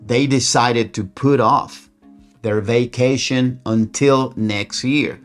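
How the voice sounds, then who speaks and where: Man, mid pitch, bilingual teacher; repeats model sentences slowly, acts out examples; faint backing music. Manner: slow, deliberate model sentences repeated for learners; acts out lively example phrases in a raised voice. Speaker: English teacher. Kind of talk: bilingual language lesson.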